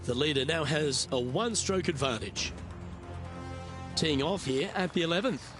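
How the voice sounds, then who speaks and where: Casting: actor as male golf commentator, lead announcer, slightly high voice, play-by-play over clearly audible music. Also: lively intonation, normal speed, natural voice. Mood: measured commentary.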